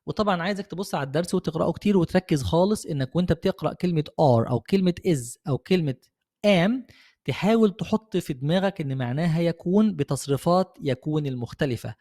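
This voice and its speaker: A young man with an Egyptian Arabic accent teaching an English lesson, patient and encouraging, with slow repetition. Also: a little high, warm tone. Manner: patient, encouraging, repeats slowly. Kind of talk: online language lesson.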